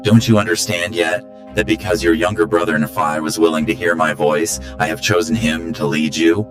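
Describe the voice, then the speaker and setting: A man voicing a deep, echoing machine spirit. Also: steady tone, normal speed. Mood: solemn. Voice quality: mechanical, solemn. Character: all-knowing machine spirit speaking through a chair. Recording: echoey voice over loud music.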